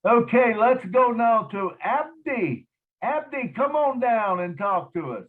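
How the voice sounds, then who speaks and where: High-pitched guy hosting a webinar, tinny phone-line sound, upbeat and affirming. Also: expressive, a little slow. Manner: enthusiastic and affirming. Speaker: webinar host. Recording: tinny phone-like call audio.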